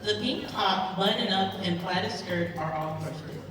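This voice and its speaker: A woman's voice: medium pitch, a little slow. Woman fashion show emcee in echoing hall. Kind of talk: fashion show emcee announcing models and outfits. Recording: echoey hall PA, far off, loud music, crowd. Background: loud music and crowd noise.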